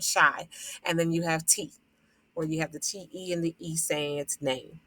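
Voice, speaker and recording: A woman's voice: fairly low pitch, a bit bright, no room sound. A woman teacher explaining vowel syllable types to other educators, sounding out example words and repeating them with fillers. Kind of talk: phonics lesson explanation.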